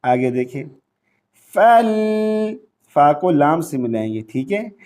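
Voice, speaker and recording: A male Quran teacher leading a tajweed lesson. He explains rules quickly in Urdu with a Pakistani accent, then recites the Arabic verses slowly in long, drawn-out tones. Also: medium pitch, animated, darkish tone.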